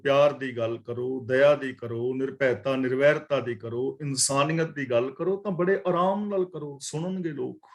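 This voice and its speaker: A man leads a daily scripture class, his voice sitting a little high for a man. He chants a verse line slowly, then unpacks it word by word in an easy teaching tone. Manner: glosses verse words one by one, slow recitation of lines. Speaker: katha teacher.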